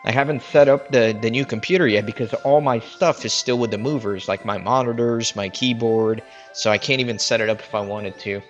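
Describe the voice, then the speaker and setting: Guy streaming games, sounds like he's talking into a cup on a cheap headset, mid pitch, just chatting away. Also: fairly quick, hardly any pauses, faint music behind. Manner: chatty, thinks aloud. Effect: muffled, like talking into a cup. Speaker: game streamer. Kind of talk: casual live commentary while playing. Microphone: cheap headset mic. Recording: muffled dull headset mic.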